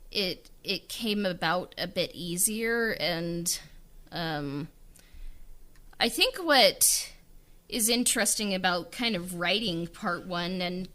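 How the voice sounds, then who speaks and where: Co-hosting a podcast, a woman talks loosely about the making of an audio drama, wandering through her points with lots of fillers in this behind-the-scenes chat. Her voice is fairly low and sharp-toned.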